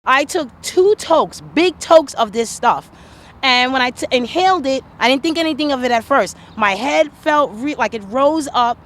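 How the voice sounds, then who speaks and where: A woman interviewed outdoors about trying a drug, talking haltingly and searching for words. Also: high voice, lively intonation, fairly bright tone. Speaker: interviewee who tried the drug. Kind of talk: street interview.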